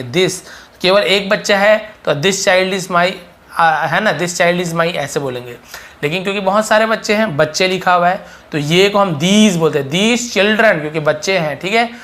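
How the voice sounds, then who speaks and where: A man's voice: sits high, a bit bright. Male English teacher drilling phrases. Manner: says example sentences slowly and clearly, explains quickly. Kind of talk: spoken English lesson.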